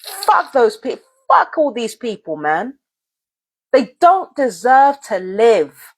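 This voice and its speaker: A woman vlogger in full rant, her voice pitched high with a breathy, husky edge. She swears a lot and circles back to the same lines again and again, talking straight to her audience. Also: very animated, slow. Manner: angry, profane, repetitive. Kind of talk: heated direct-to-camera rant.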